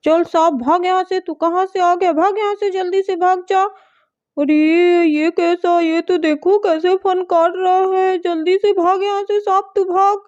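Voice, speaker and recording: A woman voicing a calm, protective father in a doll story, speaking firmly and reassuringly. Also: extremely high pitch, a little slow, no room sound. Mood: steady, reassuring. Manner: reassuring, firm with the snake. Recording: dull dry home recording.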